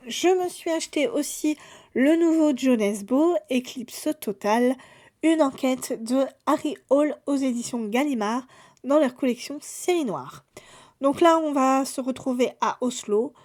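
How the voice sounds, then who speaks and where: A woman's voice: high-pitched, measured pace, a little mellow. A woman chatting casually through a book haul, summarizing plots with fillers and restarts. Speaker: book vlogger.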